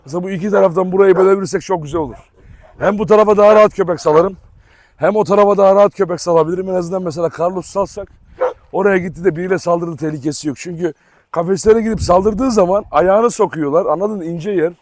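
Out in a kennel yard, a man who breeds dogs and hosts a channel talks informally to the audience while calling his dogs over. He speaks fast in a high voice with a darkish tone, and the recording has no echo.

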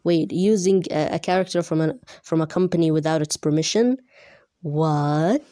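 A woman giving casual, amused commentary as she reads her old childhood book aloud, often laughing at herself and pausing on fillers. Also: low-pitched, warm tone, no echo, clean studio sound. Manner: amused, self-mocking, frequent laughter; hesitant, many fillers. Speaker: book reviewer.

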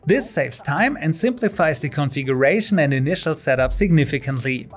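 Man narrating a software demo. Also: on the high side, lively intonation, brisk, soft background music. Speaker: product demonstrator. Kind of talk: scripted product demo narration.

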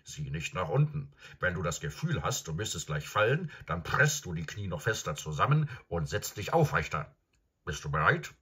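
A man reading aloud and voicing a proud, bossy male talking warhorse with a husky, teasing manner. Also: low-pitched, normal speed, heavily acted. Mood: teasing, commanding. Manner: lively, teasing, loud commands.

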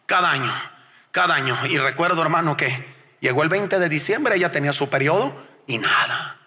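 High-voiced evangelist preaching. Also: male voice, lively intonation, normal speed, sharp tone. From Mexico. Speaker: guest evangelist. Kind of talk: fiery testimony sermon. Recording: long hall reverb.

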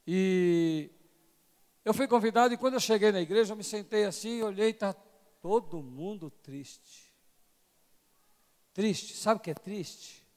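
A man preaching a sermon, telling a story that builds from hushed tones to shouting. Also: high-pitched, measured pace, long pauses. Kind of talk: sermon testimony. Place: large church hall. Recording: long church hall reverb.

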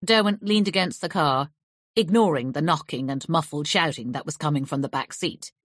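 A woman's voice: sits low, moderate pace, no room sound, studio quality. A woman narrating a crime novel audiobook, shifting her voice lightly for the characters' lines. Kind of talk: scripted narration.

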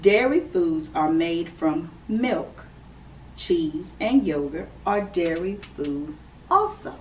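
A preschool teacher reads a picture book aloud to young children during storytime in an indoor classroom, speaking unhurriedly and clearly with a sing-song lilt and lively intonation. Her darkish voice sits a touch low for a woman. A camera mic a few feet away picks her up at a distance, with faint room hum.

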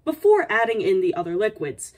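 Here a young woman, in the role of a playful, sassy princess, leads a comedic baking lesson with dry asides and exaggerated daintiness, seeming playful and flustered. Her medium-pitched voice is very animated and a bit quick. Sound comes from a distant camera microphone a few feet away in her small indoor apartment kitchen.

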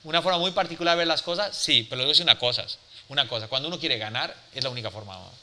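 A man in his forties giving a live mentoring talk, blunt and forceful, swearing freely and checking in with the audience. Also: medium pitch, rapid-fire, slight background noise. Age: 40s. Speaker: business speaker and mentor.

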